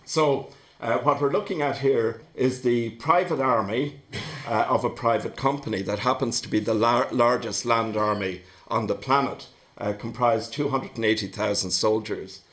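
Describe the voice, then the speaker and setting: A man giving a history lecture, measured and steady, with frequent hesitations and restarts. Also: mid-range voice.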